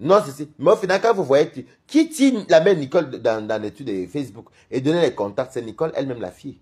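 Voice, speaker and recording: A livestream host from Cameroon talks fast in a mid-range voice, his Cameroonian French accent clear as he chats with viewers. He's animated and gossipy, rambling along and breaking into laughter often.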